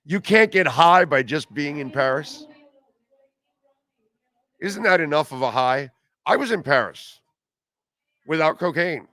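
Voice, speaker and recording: A man's voice: on the high side, lively intonation, measured pace, pauses often, bright, forceful tone, no echo. A man hosting a radio show, giving informal, wry sports-talk commentary in a conversational way.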